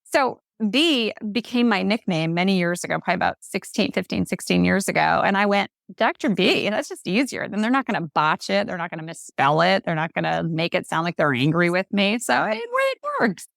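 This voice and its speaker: Animated, dry-sounding woman coach. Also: fairly low pitch, a little fast, creaky, hardly any pauses, no room sound. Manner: animated storyteller, acts out quotes in varied voices; laughs easily, candid. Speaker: guest, coach and speaker. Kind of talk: casual podcast conversation.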